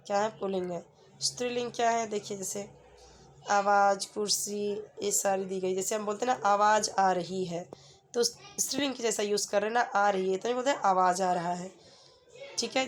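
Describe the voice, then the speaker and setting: A woman's voice: mid-range voice, slight background noise. A woman teacher, patiently walking students through a workbook lesson with everyday example sentences. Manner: patient, repeats "ठीक है" often, gives everyday example sentences.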